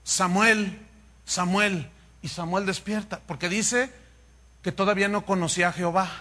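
Pastor telling a bible story, high bright voice, animated and funny. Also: male voice, brisk. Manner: animated, humorous, acts out dialogue. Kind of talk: sermon storytelling.

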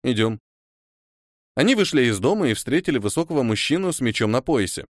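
Lively male storybook narrator. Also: medium pitch, fast talker, no room sound, studio quality. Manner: expressive, reads with lively intonation. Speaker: audiobook narrator.

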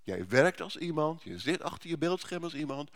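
A man's voice: a little high, sing-song, normal speed. A male pastor giving a sermon at a church service, conversational, with rhetorical questions and frequent restarts.

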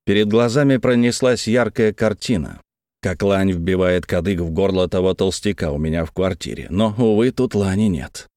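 Guy reading a gritty first-person audiobook, lowish voice, bone-dry close mic. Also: moderate pace, darkish tone, dry recording. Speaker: audiobook narrator.

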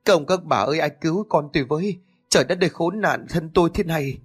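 A man's voice: a little high, quick pace, slightly rough, pitched above the performer's own voice. A man reading a storybook, voicing a frantic village mother sobbing out a lament. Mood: wailing.

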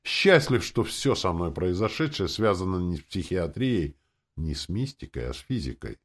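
A man's voice: sits low, sing-song, normal speed. A man voicing a frightened, bewildered man who talks timidly and pleadingly. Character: frightened bewildered man, newly arrived stranger.

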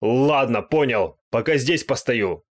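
A man voicing a dim-witted, bewildered young knight in an audiobook, talking loud and confused. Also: medium pitch, lively intonation, takes it slowly.

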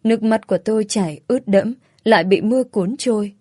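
A woman narrating an emotional first-person story in a calm, steady voice. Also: mid-range voice, a little fast, slightly rough, no room sound, studio quality.

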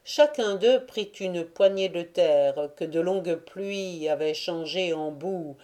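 A woman narrating a classic novel as an audiobook reader, in a measured, deliberate reading. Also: lowish voice, mellow.

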